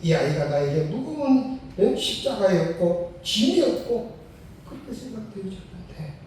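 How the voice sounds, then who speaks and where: A man's voice: high-pitched, a little mellow, slight background noise. An older man, a retired senior pastor, preaching a sermon and telling a story with emphatic, repeated phrases. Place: church sanctuary. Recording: very echoey sanctuary, mic far off.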